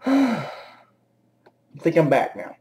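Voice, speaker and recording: High-voiced man ranting, exasperated. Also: wildly swooping pitch, drawn-out words, mellow. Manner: exasperated and profane; sarcastic. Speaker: wrestling show reviewer. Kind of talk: angry ranting commentary.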